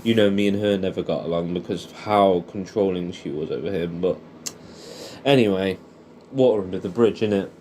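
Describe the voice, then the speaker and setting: Low and dark-toned, this young Englishman talks fairly quickly in a rambling, hesitant way, informal and sprinkled with swearing. It feels intimate and casual, as though he's reconnecting with an old friend. Slight background noise sits under his voice.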